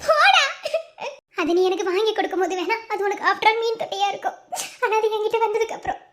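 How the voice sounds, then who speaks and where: A woman's voice: steady tone, rapid-fire, fairly bright tone. A woman voicing a fiery, emotional young woman in a cartoon, speaking with a Madurai Tamil accent and scolding through tears. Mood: hurt scolding. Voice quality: very high, squeaky cartoon voice. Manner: teary, scolding, sulky. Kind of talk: animated cartoon dialogue.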